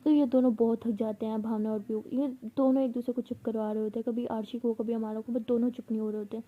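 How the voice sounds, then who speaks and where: A woman's voice: fairly high pitch, little pitch movement, fast, phone-quality sound. A woman narrating a story in a casual, chatty way, tossing English words into her talk.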